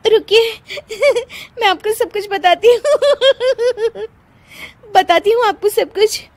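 A woman's voice: very high voice, slow, darkish tone, dry recording, voice pushed up. A woman voicing a young daughter-in-law who keeps bursting into giggles as she talks. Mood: giggly. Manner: breaks into fits of giggles mid-sentence.

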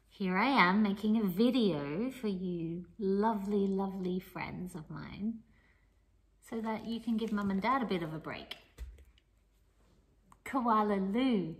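A woman reading a picture book aloud to young children, playful and expressive, with sing-song rhymes and the odd whisper. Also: mid-range voice. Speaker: children's storyteller and teacher. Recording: echoey room.

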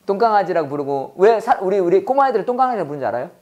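A man with a high, somewhat dark voice talks at a racing pace, his pitch swinging widely, and the upper frequencies sound cut off. He's teaching English in a classroom lecture, leading repeat-after-me drills, posing questions and answering them himself while repeating phrases.

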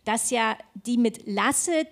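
A woman's voice: a little high, slow pace. A woman in casual live stage banter on a quiz show.

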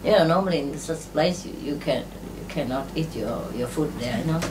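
A woman telling jokes and stories to an audience in a halting, unhurried way, with many fillers. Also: deep voice. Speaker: spiritual teacher telling jokes. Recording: distant mic with faint ambient noise.

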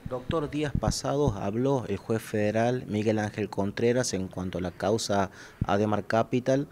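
Male reporter, lowish voice, formal questions, faint room hiss. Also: moderate pace, a little mellow. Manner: formal, polite. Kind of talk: interview questions.

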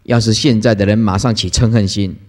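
A male Buddhist dharma master giving a sermon, telling stories and acting out the people he quotes, often with a laugh. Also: a little fast. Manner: lively storytelling, acts out quoted people with playful pitch jumps and laughter. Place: lecture hall. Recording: long hall reverb.

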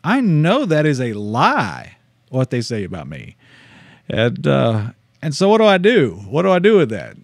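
A man's voice: medium pitch, unhurried, gravelly, no room sound. Southern guy in his 30s preaching on a livestream, folksy, laughs at himself, close dry mic. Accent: Southern American. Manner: folksy, self-deprecating, laughs often, animated phrasing. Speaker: missionary preacher. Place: small studio with purple-lit shelves. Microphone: studio desk mic.

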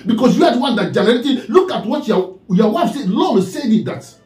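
A man's voice: very high voice, lively intonation, fairly quick, darkish tone, echoey room, poor audio. A man with a Nigerian accent delivering a preachy, scolding commentary, repeatedly calling out the person he addresses. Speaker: online commentator.

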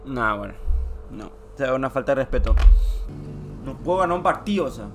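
A young man, giving excited, emotional commentary over a football video game he is playing. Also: medium pitch, brisk, loud music behind the voice. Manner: emotional, shouts and groans at every play. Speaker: gaming YouTuber.

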